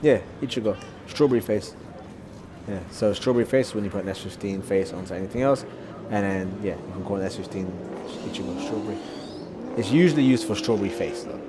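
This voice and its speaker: A man giving live motorsport play-by-play commentary, explaining things in a measured, casual way. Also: on the low side. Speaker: commentator and drift driver. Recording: clear outdoor vehicle noise. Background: cars and outdoor ambience.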